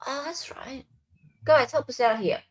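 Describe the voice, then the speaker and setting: An Australian woman with a high-pitched voice hosts a casual livestream of legal commentary, speaking a little slowly and addressing her viewers informally and directly. A loud crowd can be heard.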